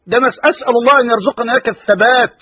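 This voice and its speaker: A very high-pitched man with an Egyptian Arabic accent delivers a sermon, hammering points home by repeating them. His voice is dry and heard through a thin, phone-like radio sound. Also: very fast, slightly rough, dry recording. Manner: emphatic, repeats key phrases. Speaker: preacher.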